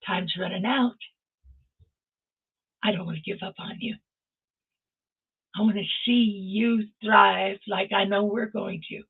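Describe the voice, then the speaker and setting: A woman's voice: mid-range voice, steady tone, measured pace, vocal fry, slightly rough. An older woman hosting a stream and giving an impassioned motivational talk over a video call, urging her listeners on directly. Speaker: host. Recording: tinny phone-like video call audio.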